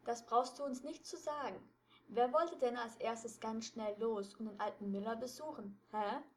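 A woman's voice: a little high, moderate pace, lightly acted. A woman voicing a sensible, observant teenage boy detective who speaks plainly. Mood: calm, defensive.

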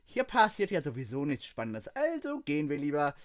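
A man voicing an excitable, curious young woman who talks eagerly and almost pleads, in a storybook reading. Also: fairly high pitch, normal speed, dull audio.

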